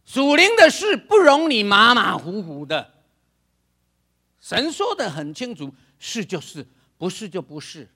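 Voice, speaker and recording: Older pastor, bright high voice, dramatic sermon delivery. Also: male voice, sing-song, measured pace. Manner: dramatic, acts out voices, laughs, shouts for emphasis.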